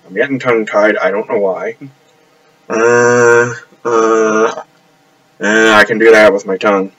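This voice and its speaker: A man's voice: fairly low pitch, steady tone, quick pace, fairly bright tone, dull audio. A man rambling casually on a live stream from his upstairs apartment, trailing off and restarting often.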